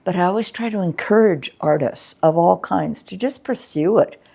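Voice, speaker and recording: This former arts coordinator, an older woman from Canada, chats candidly in an interview about her past arts work, filling it with ums. Her fairly low voice is creaky, dark and husky, and she keeps a moderate pace.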